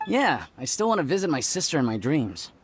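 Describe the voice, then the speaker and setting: An ordinary game villager who talks quickly and conversationally. The pitch moves up and down a lot, with a polite, reluctant manner. Faint noise is audible behind. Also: male voice, very animated. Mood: apologetic, wistful. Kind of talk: video game voice acting.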